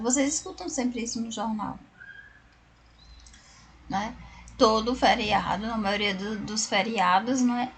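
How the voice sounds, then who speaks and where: A woman's voice: on the high side, gravelly, fairly bright tone, a little hiss or hum. A Brazilian woman teaching a recorded class, explaining word by word and often checking in with tag questions. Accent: Brazilian Portuguese.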